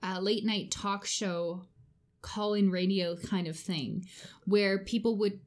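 A woman's voice: medium pitch, fairly even intonation, slow pace. A woman chatting casually as a podcast co-host, with a teasing, bantering way of talking. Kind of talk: casual chat.

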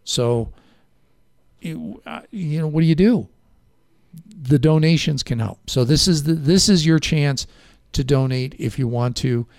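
A man's voice: fairly high pitch, measured pace, long pauses, a little mellow, no echo, studio quality. A man hosting a local radio interview show, talking in a rambling way and often correcting himself. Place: radio studio. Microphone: studio microphone.

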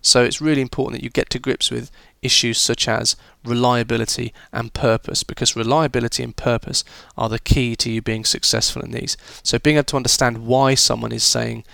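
A man's voice: mid-range voice, little pitch movement, fairly quick, vocal fry, few pauses, bright, forceful tone, no echo. A man talking students through a history lesson in a chatty, informal way, with fillers and restarts. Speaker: history teacher.

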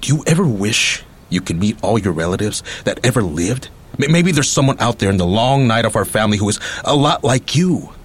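Here a middle-aged American man voices a radio-drama uncle, a tired ex-con who can be threatening but also gentle, speaking in a husky, gravelly tone. The pitch sits fairly low, and the delivery is brisk and animated with few pauses, carrying a teasing mood.

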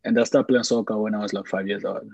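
A young man with a Congolese accent talks in a casual, looping interview style. His voice sits low and has a husky grain. The recording is slightly dull and has a clear room echo. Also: steady tone, fast, darkish tone. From Congo (DRC), later Malawi. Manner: conversational, repetitive, peppered with "like" and "you know". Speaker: soccer player being interviewed.

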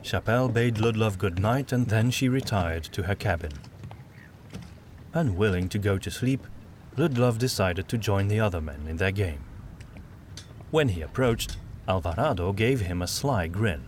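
A man reading a fantasy audiobook in a measured storytelling manner. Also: fairly low pitch, expressive, slight background noise. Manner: measured storytelling, doing all the voices. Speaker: narrator. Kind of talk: scripted audiobook narration.

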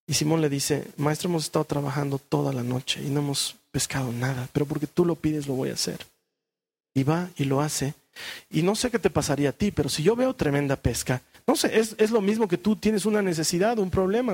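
A man preaching a sermon as a pastor, animated and acting out the voices of the people he quotes. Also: high-pitched, breathy edge.

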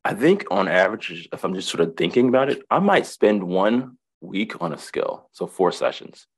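A man with a deep voice talks through his counseling practice in a relaxed webinar chat. He pauses, repeats himself and restarts phrases as he works out what he means. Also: creaky, slightly rough. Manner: reflective, many restarts and repetitions. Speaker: counselor and guest. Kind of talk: casual webinar conversation.

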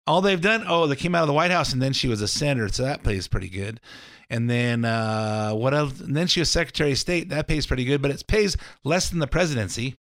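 Rambling in a folksy way, with fillers and restarts, a middle-aged host gives a casual political talk radio monologue between ads for his mortgage business. His slightly scratchy voice is medium in pitch and fairly bright, and he speaks fairly quickly. The studio-quality recording has no room sound.

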